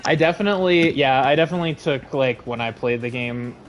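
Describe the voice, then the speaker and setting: Easygoing mid-pitched male streamer. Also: fairly quick, soft background music, poor audio. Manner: easygoing, agreeable, laughs often, many fillers. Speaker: streamer co-host. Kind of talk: casual chat over a live game stream.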